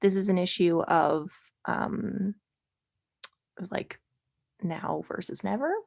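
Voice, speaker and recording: Woman tutor thinking aloud, slightly gravelly. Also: fairly low pitch, fairly even intonation, takes it slowly, a little mellow. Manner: thinking aloud with many fillers, dry sarcasm. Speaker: LSAT tutor. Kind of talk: explaining logic questions.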